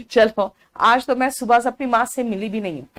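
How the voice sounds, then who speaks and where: A woman's voice: a little high, moderate pace. A woman teaching an online exam-prep class, chatty and drowsy from cold medicine, mixing English words into her talk and answering students by name. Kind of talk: live online class, explaining an English comprehension passage.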